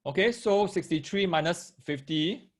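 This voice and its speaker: High, animated and at normal speed, this man's voice carries a Singaporean accent with Singlish particles. He's a maths tutor teaching parents and children live online, explaining things step by step, repeating phrases and checking that they keep up.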